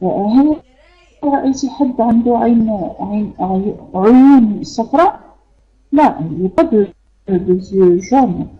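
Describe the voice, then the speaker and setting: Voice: mid-range voice, lively intonation, brisk, breathy edge, dull audio. A French teacher with Arabic as a first language, correcting students' sentences in an online class, hesitant with many fillers and patient repetition. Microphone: computer microphone in an online class.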